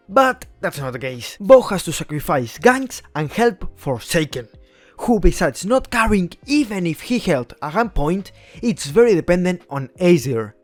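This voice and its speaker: A young Spanish man speaks in a high voice with a Spanish accent, and there's no room sound. He's a YouTuber delivering blunt, opinionated, scripted commentary on esports teams.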